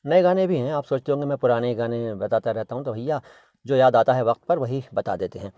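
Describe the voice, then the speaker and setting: A man's voice: medium pitch, fairly quick, dark tone, dry recording, muffled recording. Dry-voiced man teaching word pronunciation. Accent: Indian Hindustani. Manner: playful, corrects pronunciation by repeating words, hums old song lines. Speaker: language teacher and channel host. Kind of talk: casual video lesson on Hindi and Urdu words.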